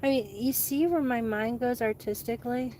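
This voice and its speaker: A woman host rambling excitedly in a casual monologue, laughing often. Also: a little high, normal speed, a little hiss or hum. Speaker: channel host.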